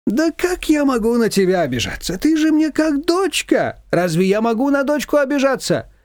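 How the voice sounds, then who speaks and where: A man's voice: very high-pitched, very animated, normal speed, a little mellow, no echo, studio quality, voice pushed up. A man voicing a talkative, boastful old taxi driver who rambles indignantly. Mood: chatty.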